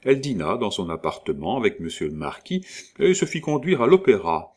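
A man's voice: on the low side, sing-song, fairly quick, a little mellow. A man narrating an audiobook, reading expressively with occasional hesitations.

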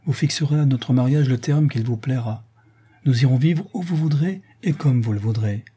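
Soft but firm young fiancée, read by a man, mellow husky tone, dead serious. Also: mid-range voice, normal speed. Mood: firm, solemn. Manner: soft yet resolute, solemn.

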